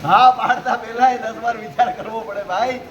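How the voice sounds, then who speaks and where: A man's voice: very high voice, fairly even intonation, moderate pace, muffled recording, a little hiss or hum. A man preaching a sermon to a live audience, pressing them with rhetorical questions and exhortations. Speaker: Jain preacher.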